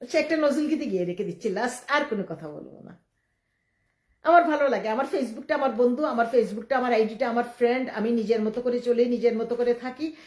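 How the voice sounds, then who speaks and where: A middle-aged woman from Bangladesh, speaking in a rambling live-stream monologue. She talks quickly and emphatically, often defiant, with many restarts. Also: on the high side, darkish tone. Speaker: livestreamer. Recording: echoey room.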